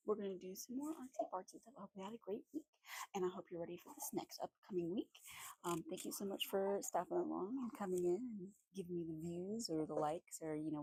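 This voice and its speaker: A woman vlogging at home while drawing, chatting casually in a rambling, friendly way with lots of fillers, her voice slightly hoarse. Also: on the low side, warm tone, dry recording, rough recording. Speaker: art vlogger.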